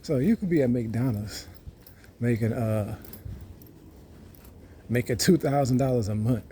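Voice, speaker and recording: A man's voice: medium pitch, unhurried, mellow, a little hiss or hum. A man, rambling and boasting in a casual monologue that repeats itself. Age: 30s. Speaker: vlogger.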